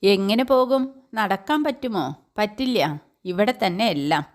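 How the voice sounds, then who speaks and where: A woman's voice: mid-range voice, lively intonation, a little slow, close to an everyday voice. A woman voicing a kind young female nurse who talks to a patient in a soothing, coaxing way. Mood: gently firm.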